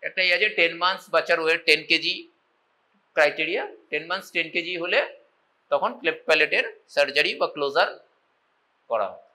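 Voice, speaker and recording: A man with a Bengali accent giving a medical college lecture, reading slow English lines and explaining them in Bengali, often checking whether students follow. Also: a little high, sharp tone, rough recording. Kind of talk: classroom lecture.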